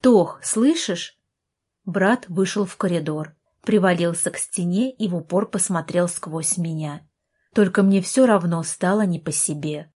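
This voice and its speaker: A woman narrating an audiobook in a steady storytelling voice. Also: lowish voice, moderate pace, slightly rough. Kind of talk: scripted narration.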